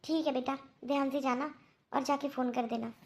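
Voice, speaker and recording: A woman's voice: sits high, steady tone, normal speed, close to an everyday voice. Woman voicing an older mother-in-law in a cartoon. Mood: tender. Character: older mother-in-law, stern but softening. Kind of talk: Hindi cartoon dubbing.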